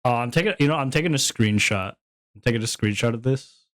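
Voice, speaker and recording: A man's voice: mid-range voice, fast, no room sound. A man streaming live who talks to his chat in a sarcastic, grumbling, exasperated way. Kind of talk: casual livestream chat.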